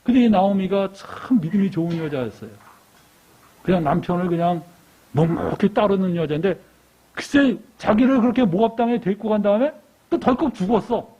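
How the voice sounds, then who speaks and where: Man, lay preacher, high husky voice, lively storytelling sermon, dull lo-fi church recording. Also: brisk. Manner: animated storytelling, asks the congregation questions.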